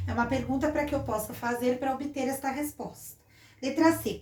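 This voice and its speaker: A Brazilian woman teaches a schoolbook lesson in a high-pitched voice, patiently walking her pupils through each exercise. Her voice carries a noticeable room echo. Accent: Brazilian Portuguese. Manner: patient, explains step by step, addresses pupils as a little class.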